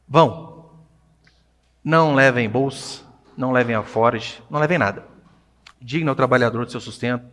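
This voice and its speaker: A medium-pitched man with a Brazilian Portuguese accent gives a sermon in a big church hall. As a pastor, he animatedly shifts from quiet passages to loud ones.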